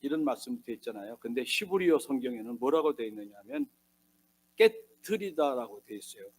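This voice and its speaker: A man preaching a sermon as a pastor, swinging between hushed asides and loud emphatic bursts and acting out the voices he quotes. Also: mid-range voice, big pitch swings, fairly quick, breathy edge. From South Korea.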